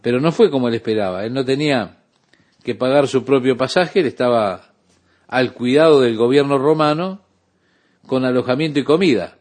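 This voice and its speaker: Man, preacher, sermon storytelling, voiced dialogue, mid pitch. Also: normal speed, a little mellow. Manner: retells scripture with voiced dialogue and asides.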